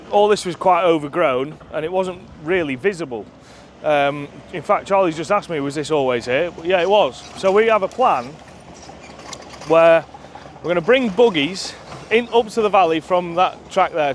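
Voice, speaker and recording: A man's voice: fairly high pitch, lively intonation, moderate pace, slight background noise. Chatty man giving an outdoor tour. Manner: chatty, enthusiastic, many ums and restarts. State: out of breath while walking uphill. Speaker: shooting ground owner giving a site tour. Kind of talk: walking tour vlog, casual explaining. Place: outdoors at a shooting ground, then inside a clubhouse. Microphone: camera held by a companion filming.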